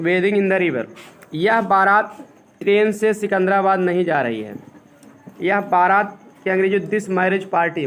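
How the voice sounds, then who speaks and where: A male English teacher explaining grammar step by step, asking the class questions and dictating English sentences slowly. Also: sits high, fairly bright tone. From India. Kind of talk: classroom lesson.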